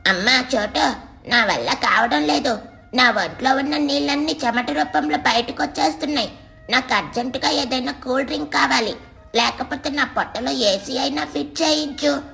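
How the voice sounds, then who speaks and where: A woman's voice: sits high, moderate pace, gravelly, sharp tone, faint music behind, full character voice. A woman voicing an overheated young parrot in a cartoon story, panting and whining dramatically.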